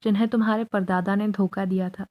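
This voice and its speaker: A woman's voice: mid-range voice, level tone, lo-fi sound, lightly acted. A woman voicing a young male jinn who pleads his love in a spoken horror story. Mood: earnest.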